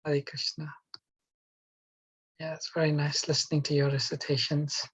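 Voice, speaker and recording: A woman's voice: low voice, little pitch movement, moderate pace, slightly rough. A woman leading an online scripture class, talking informally and reciting prayers, heard through an online call. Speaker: class leader and teacher.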